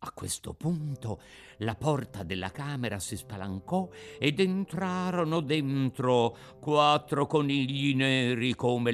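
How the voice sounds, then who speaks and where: A man narrating a children's story aloud in an expressive storytelling manner. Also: mid-range voice.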